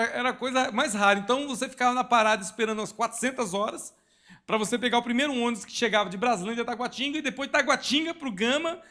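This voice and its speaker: A man's voice: high-pitched, bright, forceful tone. A man in his forties from Brazil, a pastor telling a personal story in a church sermon, acting out voices and sound effects. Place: church hall.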